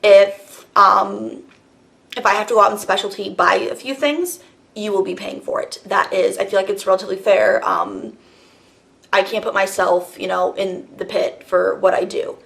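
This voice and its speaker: A woman's voice: medium pitch, fairly even intonation, moderate pace, gravelly, fairly bright tone. A woman hosting a casual monologue vlog, a little out of breath after a workout, talking frankly and firmly with rambling asides. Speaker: host.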